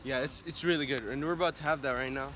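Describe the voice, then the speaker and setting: A man's voice: mid-range voice, fairly even intonation, fast talker. A young man bantering with a friend outdoors, hyped and slangy, swearing freely. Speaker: friend on the vlog. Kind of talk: casual banter. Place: outdoors on a campus. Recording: clear street noise outdoors.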